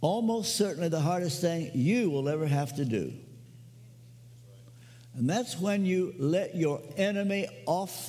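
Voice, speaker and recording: Older male pastor, slow deliberate sermon delivery, lively pitch, long hall reverb. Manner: slow, emphatic preaching with dramatic pauses.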